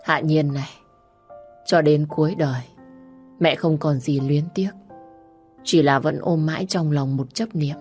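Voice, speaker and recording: A woman's voice: sits low, steady tone, measured pace, pauses often, darkish tone, faint music behind. A woman voicing a dying elderly mother who speaks weakly and pleads tenderly with her daughter in a told story. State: dying, gasping.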